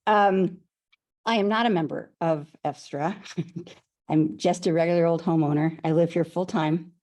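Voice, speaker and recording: A woman's voice: lowish voice, fairly even intonation, a little slow, darkish tone. A woman homeowner on a video call, chatty and a bit rambling as she gives a public comment.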